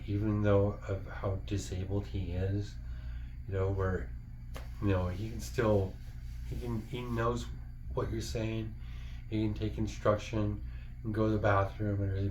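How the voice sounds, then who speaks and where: A man's voice: fairly low pitch, little pitch movement, moderate pace, a little mellow. A man giving an earnest, encouraging, casual heartfelt monologue as a parent talking to other parents. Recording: dull lo-fi, faint background noise.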